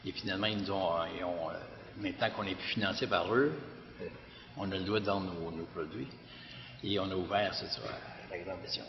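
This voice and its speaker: A man with a deep Québécois voice tells an audience about his community garden. His talk is halting, full of "euh" and restarts. The sound is a dull lo-fi recording with a long echo from the hall. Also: steady tone. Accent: Québécois French. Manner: hesitant, many fillers and restarts. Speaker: director of a community garden organization. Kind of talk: public testimony talk.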